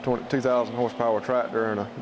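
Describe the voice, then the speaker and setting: A man's voice: medium pitch, flat delivery, rapid-fire, noisy background. A man with a Southern US accent giving an informal interview, explaining things in a plain-spoken, folksy way. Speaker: student club president being interviewed.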